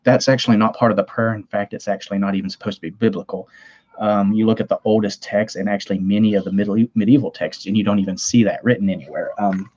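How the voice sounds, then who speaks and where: A man's voice: fairly low pitch, fairly even intonation, fast, a little mellow, muffled recording. A man from Tennessee with a Southern twang, hosting a casual livestream chat, rambling, reading comments aloud and laughing easily. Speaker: livestream host.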